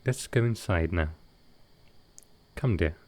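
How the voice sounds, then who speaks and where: A man plays a gentle vampire lord in an intimate audio roleplay, his voice very low and his pace very slow. Expressive, tender and hesitant, he is a soft-hearted host who carries grief and offers comfort. His mood is affectionate and gently teasing.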